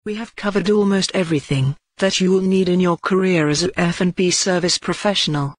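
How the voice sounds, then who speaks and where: A woman narrating a scripted promotional voice-over for a training manual, reading out a list of selling points in a steady pitch. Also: a little fast, no echo.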